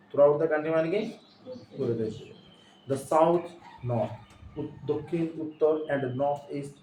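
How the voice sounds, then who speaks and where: A man's voice: fairly high pitch, warm tone, a little hiss or hum. A man with a Bangladeshi Bengali accent teaching a class, going through a passage line by line and often checking that his students follow. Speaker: English teacher. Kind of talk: classroom lesson explaining a passage. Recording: echoey room, mic far off, faint ambience.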